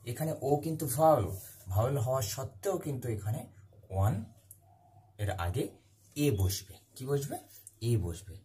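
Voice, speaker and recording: A man explains a grammar rule like a teacher in a classroom. His voice is mellow and dark, at a middle pitch. He says key words again and again and answers his own questions. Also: animated, normal speed, pauses often. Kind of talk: classroom-style grammar lesson.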